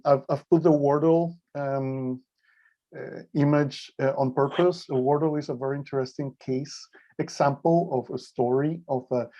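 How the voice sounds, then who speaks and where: A man's voice: medium pitch, warm tone. Hesitant man, slightly weak voice, dull audio. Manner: hesitant, halting delivery. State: slightly weak voice from a mild cold. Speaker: guest lecturer. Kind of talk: informal online presentation. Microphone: video call. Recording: dull, lo-fi video call audio.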